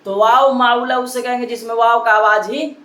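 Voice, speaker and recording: A man's voice: very high-pitched, steady tone, moderate pace, sharp tone. A male teacher running a classroom quiz lesson, repeating the students' answers back to them and drilling each point with patient prompts. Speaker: Urdu grammar teacher. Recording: roomy classroom echo, faint background noise.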